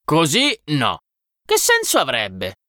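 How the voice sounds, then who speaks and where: A man voicing a learned bespectacled townsman who explains things slowly and insistently. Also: a little high, wildly swooping pitch, bright, forceful tone, no room sound, studio quality, voice pushed up, heavily acted. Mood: explaining.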